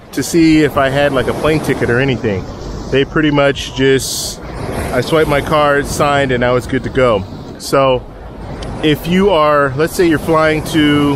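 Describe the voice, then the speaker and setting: A man's voice: medium pitch, background noise. A middle-aged man vlogging about travel in a casual, rambling way, filming himself at arm's length on an outdoor beach. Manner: chatty, rambling with many restarts. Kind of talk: casual selfie vlog. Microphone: phone camera at arm's length.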